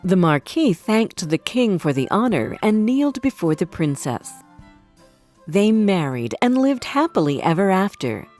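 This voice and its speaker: A woman narrating a fairy tale for children in an expressive storybook manner. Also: medium pitch, measured pace, soft background music.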